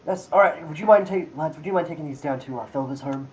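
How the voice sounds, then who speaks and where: A man's voice: a little high, fast, a little hiss or hum, lightly acted, low-quality recording. A man voicing a chatty male shopkeeper who rambles and hesitates with many ums. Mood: helpful.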